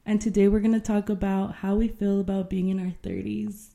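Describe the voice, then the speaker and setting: A woman in her thirties with a warm, mellow tone, chatting loosely as a podcast co-host. She fills her talk with casual fillers, and her voice carries the echo of a roomy space. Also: medium pitch, brisk, vocal fry. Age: 30s. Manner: relaxed, many fillers like "like" and "dude". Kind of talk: casual chat.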